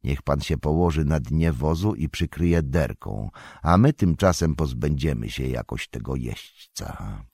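Sam, a soft-spoken anxious hobbit, read by a man. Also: rumbling low, lively intonation, measured pace, gravelly, breathy edge, no echo, clean studio sound, heavily acted. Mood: worried. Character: worried loyal young male hobbit servant.

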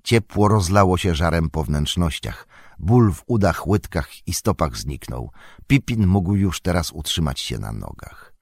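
A man narrating an audiobook of a fantasy novel in a steady, measured storytelling manner. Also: sits low, no room sound, studio quality.

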